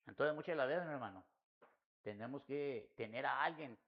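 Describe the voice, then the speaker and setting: A man's voice: medium pitch, moderate pace. Earnest male preacher, dull lo-fi sound. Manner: earnest, addresses listeners as "mi hermano". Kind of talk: sermon.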